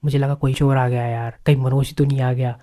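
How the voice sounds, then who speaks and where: Man reading nervous young lad, plain mellow voice, everyday tone. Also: mid-range voice, level tone, fast talker, natural voice. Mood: puzzled. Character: scared young male student in hostel.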